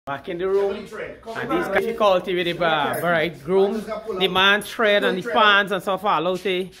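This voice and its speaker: A man's voice: high voice, moderate pace. A man, giving upbeat, enthusiastic running commentary on a handheld phone vlog in a hotel. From Guyana. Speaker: vlogger. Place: hotel room and lobby, indoors. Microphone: phone camera held at arm's length. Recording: phone video amid loud crowd chatter.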